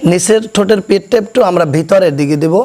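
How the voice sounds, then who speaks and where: A man teaching children to pronounce Arabic letters, explaining slowly and quizzing his pupils so they repeat after him. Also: high-pitched, dark tone. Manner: asks questions and has pupils repeat; slow, deliberate explanation. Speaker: Quran teacher. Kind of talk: classroom recitation lesson. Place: madrasa classroom.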